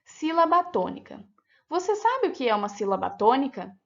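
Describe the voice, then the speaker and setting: On a dull, lo-fi recording, a woman teaches children a lesson in a high voice. She has a Brazilian Portuguese accent and pronounces her words slowly, clearly and deliberately.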